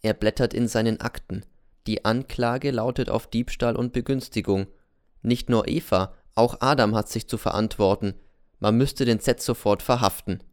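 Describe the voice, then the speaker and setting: Male audiobook narrator, resonant and clear, mid-pitched, introspective. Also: steady tone, no echo, studio quality. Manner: measured, introspective first-person telling.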